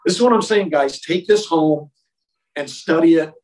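A man leads an informal Bible lesson for a group of men, speaking in a somewhat high voice. He talks emphatically, circling back and repeating words to drive points home. The sound is roomy, picked up from away from the microphone. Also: normal speed, a little mellow, distant mic. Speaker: men's Bible study leader.

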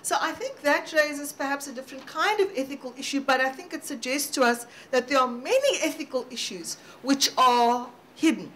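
A woman with a high voice answers questions at a roundtable in a measured, thoughtful way. A faint background hiss sits under her voice. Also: expressive, fairly bright tone. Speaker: panelist.

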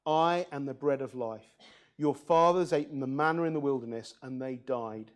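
A man's voice: mid-range voice, moderate pace. A man preaching a church sermon, reading scripture aloud and putting earnest questions to the congregation.

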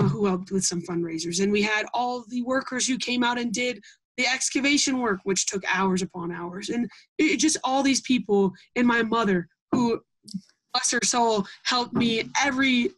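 On a rough recording, a young woman from Iowa speaks at a moderate pace in a fairly high voice. She is the interviewee, a Gold Award scout, earnestly answering questions about her project with many ums and restarts.

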